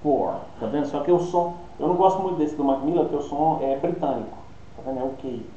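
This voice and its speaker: A man's voice: a little high, fast talker, mellow. A man with a Brazilian accent teaching an online English class, explaining pronunciation and checking in with tag questions. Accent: Brazilian Portuguese. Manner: explanatory, thinking aloud with many tag questions. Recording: roomy, dull lo-fi sound with faint hiss.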